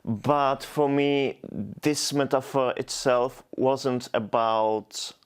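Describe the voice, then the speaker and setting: A Czech man, speaking English with the accent of his native language, is a poet answering interview questions as a guest. He talks thoughtfully and hesitantly, frequently stopping to restart words, in a very slow, clean, medium-pitched voice with fairly even intonation.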